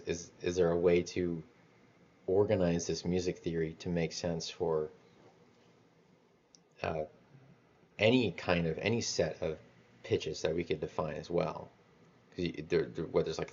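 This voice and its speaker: A man rambling in a casual monologue about music theory, halting and restarting as he thinks aloud. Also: deep voice, creaky, darkish tone, breathy edge, lo-fi sound. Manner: musing, halting, many restarts and swearing.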